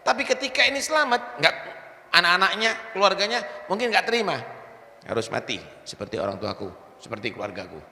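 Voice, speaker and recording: A man preaching, his voice bright and gravelly as it leaps up and down in animated bursts. He keeps checking that the listeners follow him. The recording carries the long echo of a large hall with faint ambience behind. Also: high voice, brisk. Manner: animated preaching, mixes in Javanese words, asks "paham ya?". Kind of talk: sermon.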